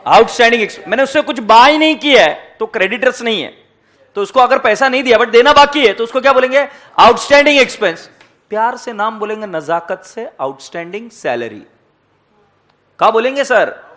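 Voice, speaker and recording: A man teaching accounting to a classroom in a high voice. He jokes with the students and asks them question after question. He slips English phrases into his Hindi. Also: a bit bright. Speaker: accounting lecturer. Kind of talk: classroom lecture.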